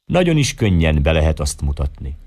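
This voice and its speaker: A man's voice: very deep voice, huge pitch swings, a little mellow, husky, exaggerated voice. A man voicing a smiling, teasing man who sets a counting riddle, in an audiobook reading. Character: smiling, mocking Indian man setting a riddle.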